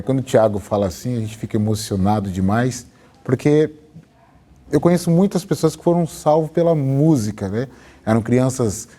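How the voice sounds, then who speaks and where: A middle-aged man with a Brazilian Portuguese accent hosting a TV interview in a studio, enthusiastic and expressive. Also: mid-range voice. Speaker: TV interview host.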